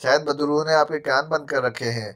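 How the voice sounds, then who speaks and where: A male narrator voicing a jittery, sharp-tongued male servant who stammers when frightened. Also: on the high side, steady tone, close to an everyday voice. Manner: stammering, quick-tongued sarcasm.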